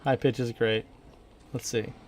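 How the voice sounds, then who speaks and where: A man's voice: mid-range voice, little pitch movement, a little slow. A man with an American accent streaming a video game, chatting informally and thinking aloud as he goes. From northern Minnesota, USA. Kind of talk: casual gaming commentary.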